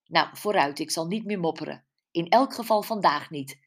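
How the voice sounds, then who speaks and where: A woman's voice: lowish voice, moderate pace, breathy edge. Woman doing a grumbling older village mother. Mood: mild. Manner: scolding, complaining.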